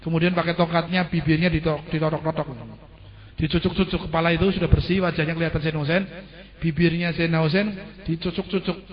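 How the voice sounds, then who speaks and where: Preacher guy, high voice, dramatic storytelling, dull lo-fi recording. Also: level tone, fast. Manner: dramatic, rhetorical questions. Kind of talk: storytelling sermon.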